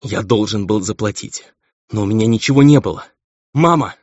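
A man's voice: on the low side, moderate pace, dry recording, natural voice. A man voicing a frantic raving young son. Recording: dull lo-fi dry recording.

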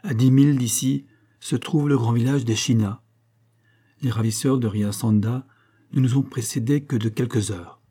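A man voicing a steady, grave adult guide who gives measured counsel in a husky, dark voice. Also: mid-range voice, close to an everyday voice. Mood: calm.

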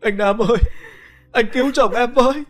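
Man voicing young village wife, sobbing, pleading, high-pitched, wildly rising and falling, audio ghost story. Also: big pitch swings, fairly quick, soft background music. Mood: wailing. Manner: wailing, pleading, high and strained.

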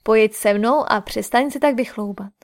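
A woman's voice: on the high side, lightly acted. Woman putting on an arrogant mocking king. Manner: mocking, haughty.

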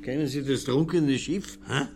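A man's voice: mid-range voice, moderate pace, vocal fry, darkish tone, faint music behind, natural voice. An actor playing a drunk, pompous man who babbles with slurred, grandiose chatter in a radio play. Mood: tipsy boastful.

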